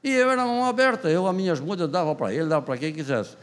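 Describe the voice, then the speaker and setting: Brazilian guy in his 80s, southern accent, rambling storyteller, kinda high voice. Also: fast talker. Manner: rambling, animated storytelling with many restarts. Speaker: guest writer. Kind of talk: storytelling interview.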